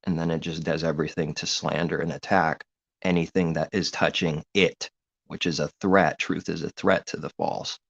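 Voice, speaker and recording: A man with a very deep, gravelly voice preaches informally in an earnest, rambling way. The recording is dull and muffled, with a low-fi edge. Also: flat delivery, moderate pace, a bit bright. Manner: earnest, rambling, grows heated. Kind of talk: informal religious monologue.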